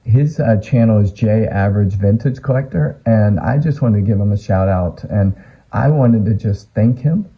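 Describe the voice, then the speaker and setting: A man with a raspy, worn-out voice, hoarse from a week of teaching, chatting casually and earnestly to camera with lots of ums as he talks about his card collection. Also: lowish voice. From Atlanta, United States. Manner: rambling, earnest, many ums. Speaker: sports card collecting YouTuber. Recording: phone-like narrow sound.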